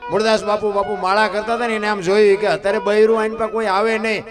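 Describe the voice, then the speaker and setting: A man with a Saurashtra Gujarati accent telling a devotional folk tale, dramatic, dropping to hushed asides and rising to loud declaiming. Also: sits high, little pitch movement, quick pace, music in the background. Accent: Saurashtra Gujarati (Kathiawadi). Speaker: folk storyteller.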